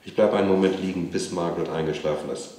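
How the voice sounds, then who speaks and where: A man's voice: deep voice, quick pace, mellow, far from the mic, close to an everyday voice. A man reading aloud who voices a weary, patient mother putting her children to bed and scolding them firmly. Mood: drowsy. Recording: echoey reading room.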